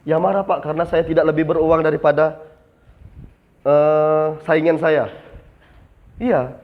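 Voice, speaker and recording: A man's voice: fairly high pitch, fairly even intonation, measured pace. A young man training new retail staff in a classroom, asking the class questions and answering them himself. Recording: slightly dull lo-fi sound.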